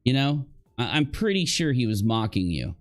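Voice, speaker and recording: Over soft background music, a man gives casual live reaction commentary on a livestream in a middling-pitched, very animated voice. He thinks aloud haltingly and often turns his points into questions.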